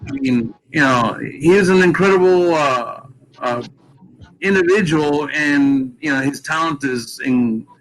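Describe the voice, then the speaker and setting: A man speaking as a guest on a radio show, chatting informally in a halting, conversational way. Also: fairly high pitch, a bit bright, slight background noise, low-quality recording. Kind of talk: casual reminiscing chat.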